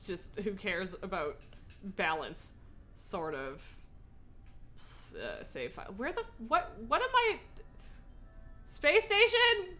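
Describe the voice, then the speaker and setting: A woman with a fairly low voice that swoops wildly in pitch hosts a video game livestream, speaking slowly with long pauses in a pushed, bright way. Faint music sits behind her informal chat as she thinks aloud, drifts between thoughts and pokes fun at herself.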